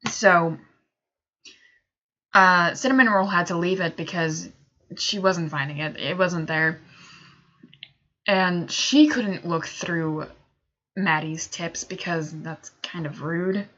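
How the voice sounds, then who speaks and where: A woman's voice: lowish voice, slow, pauses often, a bit bright, muffled recording. A young woman telling a story in a casual, rambling way, full of fillers and asides. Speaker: video creator.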